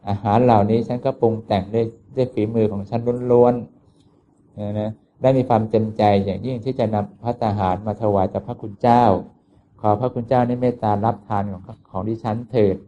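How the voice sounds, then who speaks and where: Devout pleading village woman, as a monk puts her on, slow and humble, mellow low voice. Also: steady tone, muffled recording, slight background noise, lightly acted.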